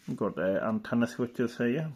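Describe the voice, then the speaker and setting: A hobbyist presenter gives casual, rambling show-and-tell commentary, matter-of-fact and fond of tag questions. His mid-range voice has a darkish tone and lively intonation at normal speed.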